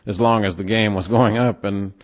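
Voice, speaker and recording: A man with a West Texas twang questioning witnesses at a formal hearing in a halting, plain-spoken, skeptical way. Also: fairly low pitch, fairly even intonation. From New Mexico or West Texas, United States.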